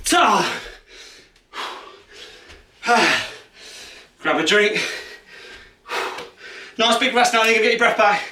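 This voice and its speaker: A man's voice: high voice, slow pace, pauses often, pushed and bright. A man, out of breath, coaching a follow-along home workout with urgent encouragement and countdowns. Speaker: fitness instructor. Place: small space at home. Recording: echoey room, far from mic.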